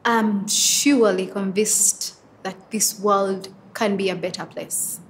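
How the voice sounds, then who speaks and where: A young woman in her twenties from Uganda speaks earnestly in an interview. She answers reflectively, with pauses and small fillers as she gathers her thoughts. A faint hum of background noise sits behind her voice. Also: medium pitch, fairly even intonation. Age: 20s. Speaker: interviewee, advocate for women and girls.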